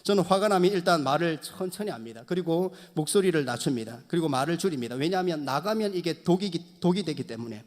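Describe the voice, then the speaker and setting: Guy pastor preaching earnestly, kinda high voice, big echoey church sound. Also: lively intonation, fast, few pauses. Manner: earnest preaching, repeatedly addressing the congregation. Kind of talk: sermon. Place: church sanctuary. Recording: long church hall reverb.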